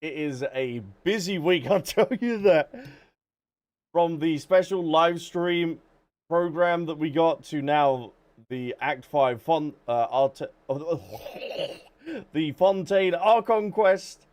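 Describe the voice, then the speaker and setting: A streamer with a fairly high, darkish voice speaks slowly as he gives chatty livestream commentary on a game. He talks straight to his viewers, with game music underneath.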